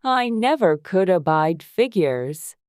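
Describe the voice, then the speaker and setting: A woman's voice: lowish voice, very animated, takes it slowly, a little mellow, smooth, no room sound, studio quality. The Duchess, a woman as a swooping, brusque noblewoman. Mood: irritable, curt. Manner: curt, scolding, theatrical. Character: Duchess, brusque, bad-tempered, bossy noblewoman. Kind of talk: dramatized storybook audiobook.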